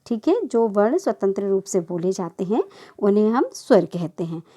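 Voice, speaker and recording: A woman teaching a school grammar lesson, patiently repeating definitions, checking whether the class understood, and drawing out vowel sounds slowly as she lists them. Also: medium pitch, sing-song, mellow.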